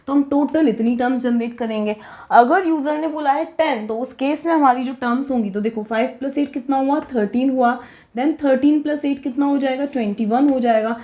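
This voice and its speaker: A woman's voice: high voice, brisk, dark tone. A young woman teaching programming, explaining patiently step by step and answering her own questions as she goes. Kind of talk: Hindi coding tutorial.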